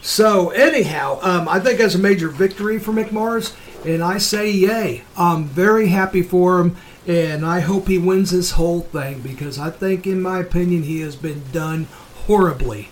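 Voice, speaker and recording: A man's voice: high-pitched, normal speed, a little hiss or hum. A man hosting a casual talk show, giving opinionated commentary in a blunt, sweary, emphatic manner. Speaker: show host.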